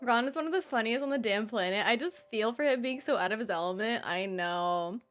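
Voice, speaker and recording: Animated young woman chatting with her stream. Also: a little high, fairly quick, soft background music. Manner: animated, laughs often, reads chat aloud. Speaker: streamer chatting with live chat. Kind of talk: casual livestream chat.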